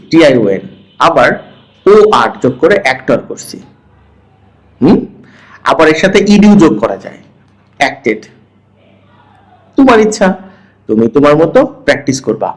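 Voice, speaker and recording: A man teaching a primary-school English lesson, reading each English phrase and explaining it, often checking in with a quick question. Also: mid-range voice, low-quality recording. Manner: reads English phrases and translates each, asking "hmm?" to check. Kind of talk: online lesson, explaining textbook exercise.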